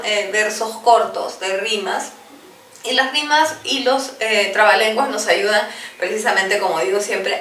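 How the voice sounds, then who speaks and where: A woman teaching English online, reciting short rhymes slowly and clearly for her students to repeat. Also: mid-range voice, a bit bright, roomy sound, far from the mic, a little hiss or hum. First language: Spanish. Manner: slow, deliberate recitation of rhymes for repetition.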